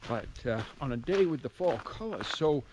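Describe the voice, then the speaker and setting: With lively intonation at normal speed and a medium pitch, a man on a rural trail and country road talks to his viewers in a meandering, self-interrupting way. He's a hiking vlogger filming handheld, surrounded by outdoor ambience and noise.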